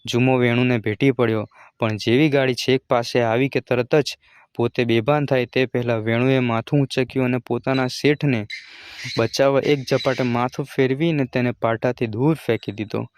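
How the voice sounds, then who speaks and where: A man reading a folk story aloud in a steady, measured way. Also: mid-range voice, clean tone, dry recording.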